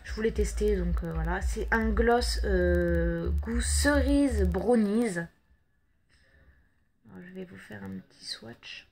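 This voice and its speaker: A woman's voice: mid-range voice, slow, vocal fry, darkish tone. A French woman chatting casually through a makeup haul at home, hesitant, with many fillers and apologetic restarts. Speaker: beauty vlogger.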